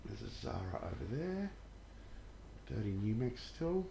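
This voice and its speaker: A man's voice: on the low side, sing-song, measured pace, vocal fry, warm tone. A man chats through a live game stream in a blokey, sweary way. His voice sits in an echoey room with some ambient noise behind it. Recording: roomy echo, background noise.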